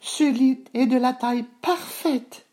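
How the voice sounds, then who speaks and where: A man voicing a curious, sleepy little girl in a storybook reading, in a high, drawn-out voice. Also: a little mellow. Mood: childlike.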